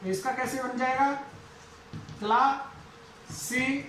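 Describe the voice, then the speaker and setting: A man with an Indian accent teaching a phonetics lesson, going slowly and repeating each example word several times. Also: extremely high pitch, reverberant, slight background noise, low-quality recording. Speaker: English teacher.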